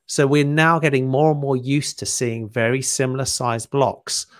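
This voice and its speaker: A man's voice: mid-range voice, moderate pace, no echo, clean studio sound. A man on a panel discussion who explains his point through long, meandering analogies. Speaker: podcast panelist.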